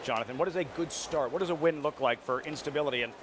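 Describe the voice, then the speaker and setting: Man, live racetrack host, slightly high voice, broadcast chat, loud trackside noise outdoors. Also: fast talker.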